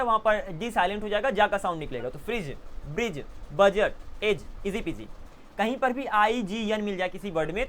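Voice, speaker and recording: A male English teacher giving a classroom lesson to live students, teasing them playfully and repeating words slowly as drills. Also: high-pitched, a bit bright, a little hiss or hum.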